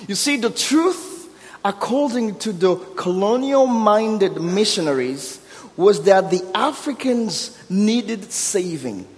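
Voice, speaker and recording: With a high, expressive voice and a slow delivery, a guest preacher in his thirties from Burundi speaks with a Burundian accent; Kirundi is his first language. His sermon is warm and story-driven, laced with self-deprecating humor and rising emphasis. A long hall reverb marks the church sanctuary setting.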